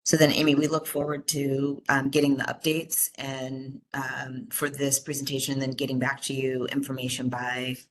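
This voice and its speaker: A woman's voice: extremely low pitch, flat delivery, moderate pace, few pauses, slight background noise. A woman chairing a commission meeting over a video call, speaking with many fillers and restarts. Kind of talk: virtual meeting discussion.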